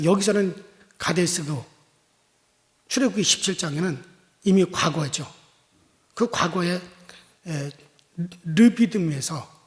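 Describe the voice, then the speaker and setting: A pastor preaching a sermon, emphatic, with rhetorical asides to the congregation. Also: male voice, sits high. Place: church sanctuary. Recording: long church reverb.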